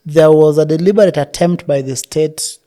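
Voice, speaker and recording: A woman co-hosting a political podcast, speaking in measured, rhetorical, speech-like phrases. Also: low-pitched, dark tone. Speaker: podcast co-host.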